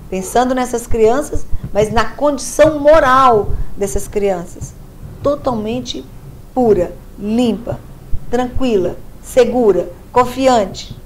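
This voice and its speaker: A woman with a Brazilian Portuguese accent giving a religious lecture at a Spiritist center, telling stories in a lively way and acting out dialogue. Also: a little high, slight background noise, poor audio. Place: lecture hall.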